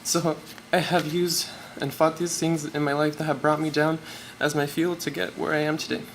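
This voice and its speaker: A teenage boy with a fairly high, level voice delivers a prepared acceptance speech for a student award at normal speed. He sounds nervous and tearful as he reads from his notes. The recording comes from a noisy live event.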